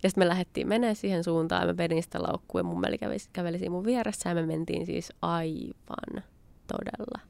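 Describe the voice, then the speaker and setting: A young woman with a lowish, slightly mellow voice and vocal fry tells a personal story in a chatty, casual way. Her intonation stays fairly even as she acts out what she said back then, dropping in quoted asides.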